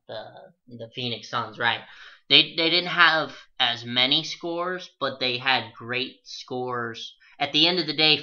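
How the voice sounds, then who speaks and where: A man co-hosting a casual sports podcast, talking fast and heating up into an exasperated rant. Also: medium pitch. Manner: animated, rising to an exasperated rant. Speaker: podcast co-host. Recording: dull lo-fi podcast audio.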